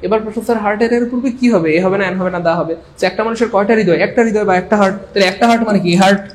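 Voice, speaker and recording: Rapid, high-voiced Bangladeshi male tutor. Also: slight background noise. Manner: rapid, repetitive, coaxing students to comment. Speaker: English teacher for exam prep. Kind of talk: live online class.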